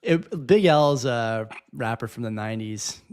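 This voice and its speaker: A man's voice: medium pitch, normal speed, a little mellow, clean tone. A man co-hosting a podcast, talking casually and reflectively, laughing often. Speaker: podcast co-host.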